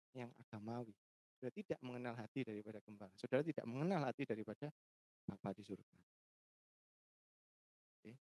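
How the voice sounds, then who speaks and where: A man preaches in a dry, close sound. His pitch sits in an ordinary middle range. He talks to his listeners directly and works stories from home into the message. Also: dry recording. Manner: addresses listeners directly, folds personal family stories into preaching. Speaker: pastor. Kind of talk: sermon.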